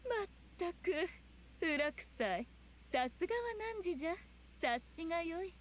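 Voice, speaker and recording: A regal fox shrine spirit for a game in a high voice. She is haughty, teasing and composed, speaking in archaic noble phrases over faint noise. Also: very animated, unhurried, heavily acted. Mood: amused, haughty. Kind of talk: video game voice acting.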